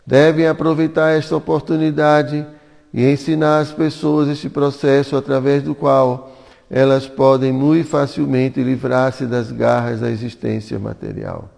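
At a devotional class in an ecovillage community hall, a Brazilian Portuguese-speaking man reads scripture commentary aloud and chants Sanskrit verses in a singsong. His voice is a little high, creaky and slightly mellow, followed by a long reverb tail.

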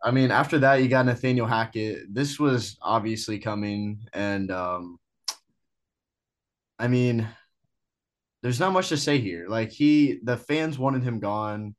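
A man's voice: medium pitch, unhurried. A young man hosting a casual sports podcast, rambling with lots of "I mean" and "like" fillers. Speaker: podcast host.

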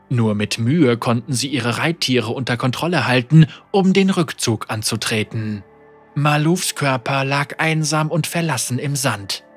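A man reading a dark fantasy story aloud as a measured audiobook narration. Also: medium pitch, slightly rough.

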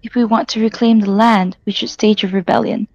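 A woman playing a tabletop game over an online call, talking slowly and thoughtfully with some hesitations. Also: mid-range voice, steady tone, a little mellow. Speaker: player. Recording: dry, dull lo-fi call audio.

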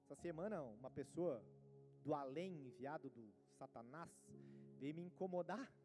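A man with a Brazilian Portuguese accent preaching a sermon. He swings between loud emphatic bursts and quiet asides, acting out the voices he quotes. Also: on the high side, expressive, normal speed, music in the background. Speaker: pastor.

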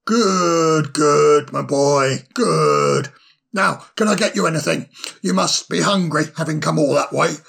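A man's voice: a little high, unhurried, gravelly, a bit bright, breathy edge, heavily acted. A man voicing a cheerful, fussing older male owl doctor who chuckles as he fusses over a guest in a storybook reading.

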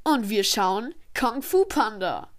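A woman's voice: on the high side, very animated, takes it slowly. A woman playing a jokey, bossy male substitute teacher in a homemade story. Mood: breezy.

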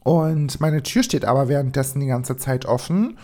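A woman's voice: rumbling low, normal speed. A young woman telling a dramatic personal story for her vlog, acting out each line. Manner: animated, acts out every line.

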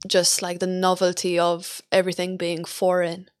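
A woman's voice: on the low side, completely flat delivery, normal speed, no echo, studio quality. A young woman from Malta hosting an interview as a casual, informal chat. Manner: informal, mild swearing. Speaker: podcast host.

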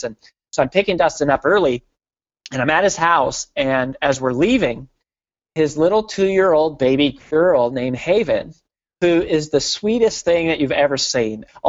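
A man's voice: medium pitch, no room sound. Earnest man telling a story, dry sound. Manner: energetic, earnest, with frequent restarts. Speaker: podcast guest, business author and consultancy co-founder. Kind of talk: conversational storytelling explanation. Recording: dry, slightly dull podcast audio.

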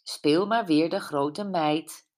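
A woman voicing Jules, a caring friend who probes gently and a bit knowingly, in an audiobook. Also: low voice, slow. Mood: probing. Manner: gentle but probing, a little know-it-all. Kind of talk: audiobook character voice.

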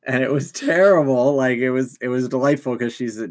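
A man's voice: medium pitch, a little fast. A man telling stories in casual chat, enthusiastic and rambling.

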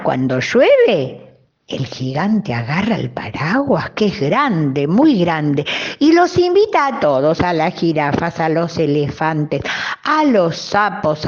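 A woman reads a children's story aloud, her voice swooping up and down with very lively pitch. She takes her time and adds playful sound effects. The lo-fi recording sounds somewhat dull.

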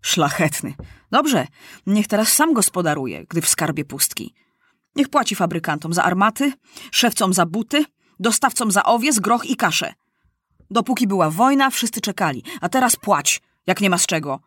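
A woman's voice: mid-range voice, big pitch swings, moderate pace, fairly bright tone, breathy edge, dry recording, clean studio sound. A woman doing a sour, grumbling finance minister. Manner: sour, complaining. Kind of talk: storybook reading.

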